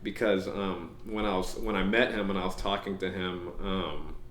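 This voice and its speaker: Low-voiced man rambling on a podcast. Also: moderate pace, a little hiss or hum. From Houston, Texas. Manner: relaxed, rambling, laughs often. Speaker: podcast co-host. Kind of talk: casual podcast chat. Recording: echoey room.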